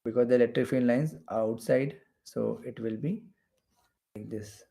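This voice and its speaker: A man from India teaches physics for exam prep in an explanatory lecture, drawing diagrams as he talks. His voice is medium-pitched, warm and creaky, with fairly even intonation and a moderate pace, and he repeats phrases to stress points.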